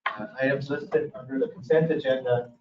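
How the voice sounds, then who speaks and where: A man chairing a public commission meeting, reading procedural items and pausing often on "uh". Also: medium pitch, fairly even intonation, noisy background. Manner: procedural, with frequent "uh" pauses. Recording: echoey room, mic far off, dull sound.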